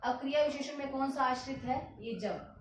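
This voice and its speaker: A woman's voice: high-pitched, steady tone, brisk, a little hiss or hum. A woman teaching a grammar lesson, explaining step by step, repeating examples and answering her own questions. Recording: echoey room, distant mic.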